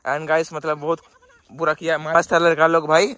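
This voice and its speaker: A man's voice: a little high, completely flat delivery, normal speed, sharp tone, dry recording. A young man vlogging outdoors on a phone camera, pleading and flustered as he keeps saying "brother" while he argues. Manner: pleading and flustered, repeating "bhai". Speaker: motovlogger. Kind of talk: casual vlog talk to camera. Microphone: handheld phone camera.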